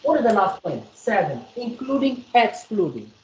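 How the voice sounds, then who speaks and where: A woman's voice: mid-range voice, sing-song, normal speed, a little mellow, echoey room, lo-fi sound. A South African woman tutoring a student in maths one on one, repeating points and quizzing the student as she explains. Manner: repetitive, coaxing, quizzes the student.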